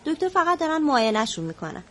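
An actress playing a courteous hospital nurse who speaks carefully and hesitantly in a radio drama. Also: female voice, high voice, big pitch swings. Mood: polite.

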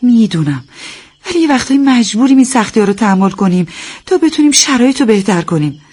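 Brief: woman voicing a firm, level-headed friend, slightly breathy, talking someone down calmly. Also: on the high side. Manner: level, reasoning, steadying. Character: calm, firm female friend giving advice.

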